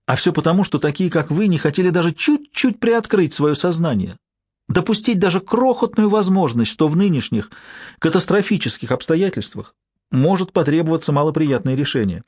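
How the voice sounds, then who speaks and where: A man's voice: mid-range voice, animated, a little fast, no room sound, natural voice. A man voicing a bitter young woman with a faltering voice. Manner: quiet, faltering, growing indignant. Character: bitter, impassioned woman in her early thirties.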